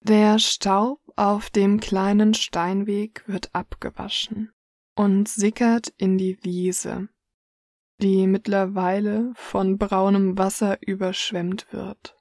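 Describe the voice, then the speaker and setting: A woman reading a guided relaxation story in the second person, soft and hushed. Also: medium pitch, little pitch movement, takes it slowly, no echo, clean studio sound.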